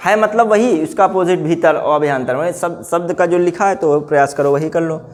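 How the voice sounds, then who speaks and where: A man's voice: a little high, fairly quick. A man teaching a grammar class, repeating each word and putting questions to his students. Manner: drilling words, repeating answers, asking the class questions.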